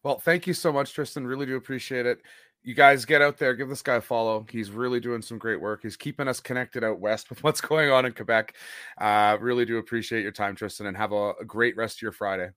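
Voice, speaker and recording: A Canadian man hosts a small podcast, greeting guests with chatty, upbeat energy and plenty of restarts. His voice sits at an ordinary mid pitch. The recording is dry, with no room sound. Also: steady tone, brisk, a bit bright, no echo. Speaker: podcast host. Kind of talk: casual interview chat.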